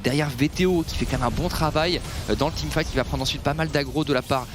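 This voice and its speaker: A man's voice: on the high side, fast talker, music in the background. A man giving analytical esports commentary, breaking down team fights and replays.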